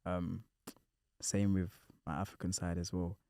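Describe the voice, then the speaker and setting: A young East London man speaks slowly and reflectively in a low, dark, even voice. The sound is close and dry. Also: no room sound. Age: 20s. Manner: thoughtful, hesitant, lots of "like" and "um". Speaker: podcast guest. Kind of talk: casual group chat.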